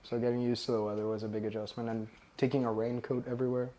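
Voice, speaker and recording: A young man from India, an international student, answering documentary interview questions in a relaxed, casual way with fillers. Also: mid-range voice, quick pace. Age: young adult.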